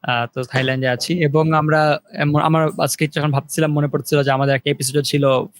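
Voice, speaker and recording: A young man co-hosting a casual podcast from a remote call. He talks in a relaxed, halting way, mixes Bengali and English, and uses many fillers. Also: fairly high pitch, slight background noise. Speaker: podcast co-host sharing his story.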